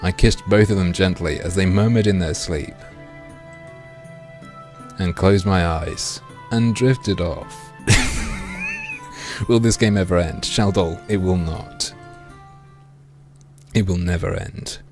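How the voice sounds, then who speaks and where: A man livestreaming through a headset mic, reading a game aloud and joking crudely with his chat in a deadpan way. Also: low-pitched, takes it slowly, long pauses, soft background music.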